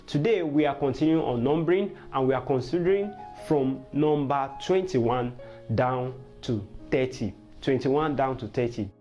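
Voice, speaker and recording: A man with a mid-range, dark-toned voice teaches a language lesson at normal speed, patiently repeating words and quizzing viewers to check they follow. The sound is dull and lo-fi, with faint guitar music behind him.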